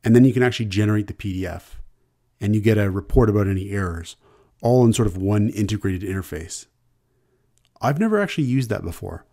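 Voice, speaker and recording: In a fairly quick screencast lecture, a Canadian university instructor speaks in a low, mellow voice. His explaining is easygoing and conversational, with frequent restarts.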